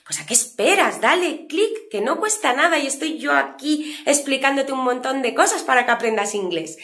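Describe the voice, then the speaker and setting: Lively Spanish teacher, echoey room. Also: female voice, on the high side. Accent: Spain. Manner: upbeat, chatty, addresses viewers directly. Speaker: English teacher. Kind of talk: online grammar lesson.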